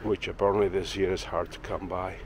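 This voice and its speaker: Holding the camera as he moves from his backyard garden outdoors into his workshop, a woodworking channel owner speaks a little fast in a deep voice. His commentary is loose, relaxed and rambling, full of fillers, and a little hiss or hum sits under the audio.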